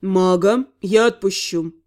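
A woman's voice: medium pitch, steady tone, moderate pace, warm tone, clear, resonant tone, voice pushed down, natural voice. A woman voicing a tender young count. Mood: entreating. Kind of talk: audiobook character voice.

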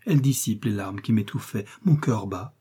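Man playing a young lovesick chevalier, pleading, husky, warm. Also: fairly quick. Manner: pleading, softer and lower. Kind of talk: audiobook reading.

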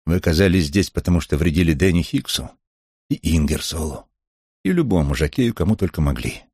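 Deep, husky male audiobook narrator. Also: animated, brisk, darkish tone, no echo, clean studio sound. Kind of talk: first-person novel reading.

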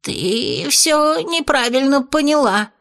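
A woman voicing a cowardly horned male imp with a strained, wheezing voice and drawn-out, pleading words. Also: fairly high pitch, big pitch swings, a bit bright, voice pushed up, heavily acted. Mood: panicked.

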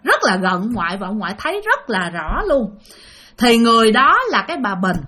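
A woman's voice: on the high side, very animated, brisk, pushed and bright. Chatty woman storyteller. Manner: chatty, addresses listeners directly. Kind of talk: spoken ghost-story narration.

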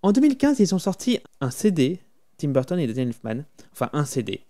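A man co-hosts a relaxed podcast about film scores, speaking in a somewhat high yet dark, mellow tone. He talks with eager enthusiasm and breaks into humming melodies. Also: fairly quick. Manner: enthusiastic, recommends music, hums tunes. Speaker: podcast co-host. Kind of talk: casual film music podcast chat.

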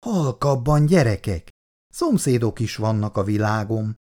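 A man reading aloud voices a gentle, hardworking older mother in a storybook, raising his voice a little and speaking mildly. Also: lowish voice, lively intonation, close to an everyday voice.

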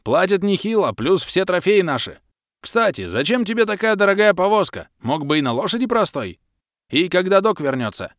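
A man's voice: sits high, big pitch swings, moderate pace, fairly bright tone, no room sound, clean studio sound. A man doing a bellowing half-orc mercenary. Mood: hollering. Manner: bellowing over the wind. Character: loud brash male half-orc mercenary. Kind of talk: audiobook character reading.

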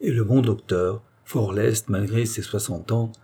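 Mellow, husky male storyteller. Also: fairly low pitch, unhurried. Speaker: narrator. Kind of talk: audiobook narration of a children's tale.

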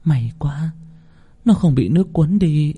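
A man voicing a poor village mother who is fretful and shrill, in a spoken horror story. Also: lively intonation, slow, dark tone, breathy edge, exaggerated voice. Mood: relieved.

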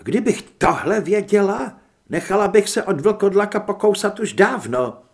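Man voicing a feisty young woman, audiobook character, raised high voice, loud and excited. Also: vocal fry. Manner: excited, outspoken.

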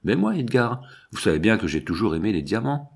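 A lively young woman fond of diamonds, coaxing and affectionate, with soft pleading questions, as a male audiobook reader gives her lines. The voice stays low and husky. The pitch rises and falls freely. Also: a little fast, exaggerated voice. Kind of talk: audiobook reading.

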